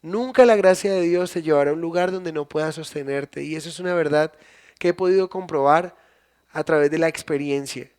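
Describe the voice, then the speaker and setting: High-voiced man preaching a sermon. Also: fairly quick, a little mellow, clear, resonant tone. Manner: questions the congregation and repeats phrases for emphasis. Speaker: pastor. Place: church service, recorded live.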